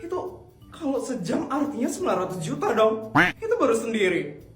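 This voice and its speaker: A performer voicing a pampered rich daughter in a comedy skit, polite and soft-spoken. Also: mid-range voice, very animated, normal speed. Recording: roomy sound with background music.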